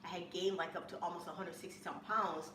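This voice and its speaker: Bright-voiced woman chatting on a live stream. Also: fairly low pitch, quick pace. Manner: chatty, rambling, bursts of excitement. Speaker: cooking channel host. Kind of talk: casual live-stream chat. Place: home kitchen. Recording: echoey room, mic at a distance, faint room noise.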